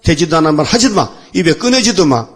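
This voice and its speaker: A man's voice: on the high side, sing-song, fast, breathy edge. A male preacher voicing God, who bluntly scolds a prophet during a sermon. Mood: scolding.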